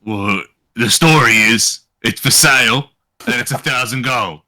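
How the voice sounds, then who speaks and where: A man's voice: mid-range voice, unhurried, bright, forceful tone. A man voicing a curt, grumbling male shopkeeper in a tabletop game. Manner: blunt, dry, grumbling.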